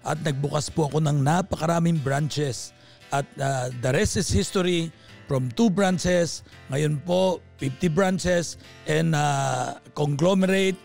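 A man's voice: a little high, slow pace, vocal fry, a little mellow, faint music behind. A middle-aged man, a lay preacher, earnestly telling a personal testimony with emphatic storytelling.

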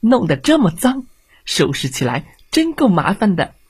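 A man voicing an adult mother who nags and then speaks tenderly, in a high, sing-song storybook voice. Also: very animated, moderate pace, slightly rough, no echo, exaggerated voice. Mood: scolding.

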